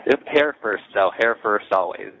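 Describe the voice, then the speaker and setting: A man talking casually on a recorded prison phone call, calm and matter-of-fact. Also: fairly low pitch, moderate pace, creaky, dry recording. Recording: muffled lo-fi phone line.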